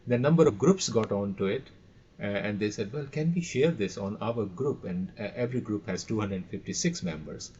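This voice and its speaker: Answering a podcast interview as an audio and radio trainer, a middle-aged or older Indian-accented man tells anecdotes and repeats phrases to make his points. He talks at normal speed in a lowish, slightly mellow voice with lively intonation. The call audio is dull and lo-fi, with slight background noise.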